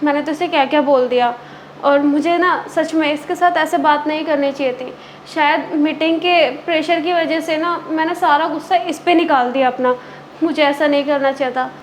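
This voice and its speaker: A woman's voice: a little fast, fairly bright tone, a little hiss or hum. A young woman playing an arrogant rich wife who scolds and mocks her driver. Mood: remorseful. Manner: shrill, scolding, mocking. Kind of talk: amateur web drama acting.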